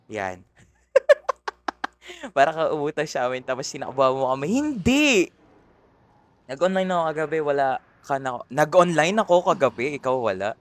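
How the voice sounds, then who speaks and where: A man's voice: a little high, lively intonation, moderate pace. A man with a Filipino accent doing livestream gameplay commentary, greeting chat viewers by name and mixing Tagalog and English. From Philippines. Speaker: streamer.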